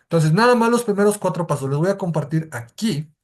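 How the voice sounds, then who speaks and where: A Mexican Spanish-accented man leads a church Bible study class, his high, darkish-toned voice lively in intonation and fairly quick. He explains methodically in steps, revising his own words as he goes.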